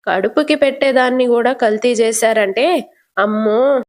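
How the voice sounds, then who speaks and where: A woman voicing a sharp-tongued older aunt who taunts and accuses in a scornful way. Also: fairly high pitch, a little slow, natural voice.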